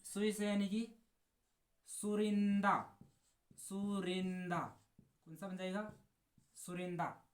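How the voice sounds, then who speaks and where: Slow, drilling woman teacher, echoey room. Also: on the low side. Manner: slow, drawn-out repetition of words, drilling. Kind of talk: exam-prep lesson with a memory trick.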